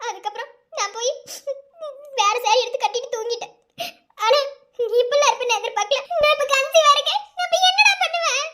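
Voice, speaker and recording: A woman's voice: very high-pitched, a little fast, bright, forceful tone. A woman voicing a flustered, teasing young woman in a cartoon, whiny and giggly, with a Madurai Tamil accent. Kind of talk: cartoon voice acting.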